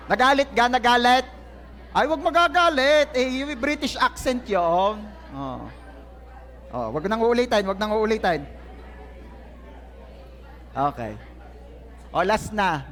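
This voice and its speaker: A man's voice: high-pitched, expressive, takes it slowly, pauses often, a bit bright. A man preaching a sermon in a church, joking with the congregation in a playful way. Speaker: pastor. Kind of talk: lively sermon. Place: church hall. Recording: church service with faint crowd. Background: congregation laughing and responding.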